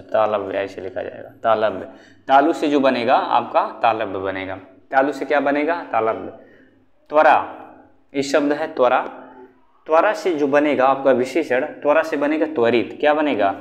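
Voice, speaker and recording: A young man teaching a grammar lesson for exam preparation, asking questions and repeating the answers as a drill. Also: medium pitch. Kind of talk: online exam-prep lesson.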